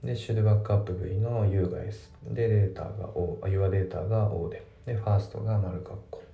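A male English teacher explaining grammar and pronunciation step by step, reading example sentences slowly. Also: low-pitched, fairly even intonation, vocal fry, phone-quality sound. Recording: echoey room, distant mic.

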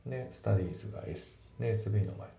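A man teaching English grammar and pronunciation in a calm, methodical way, reading example sentences slowly. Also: on the low side, gravelly. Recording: echoey room with faint background noise.

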